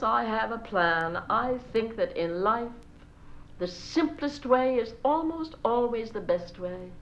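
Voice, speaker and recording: A woman with a slightly high, somewhat bright voice performs a stage monologue as a gossipy society mother who bosses her children, scolding them between sentences while gushing to her friends. The old recording sounds dull.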